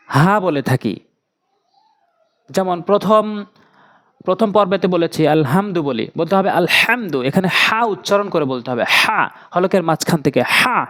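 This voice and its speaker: A man teaching Quran pronunciation, repeating each letter sound slowly several times as an example. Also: high-pitched.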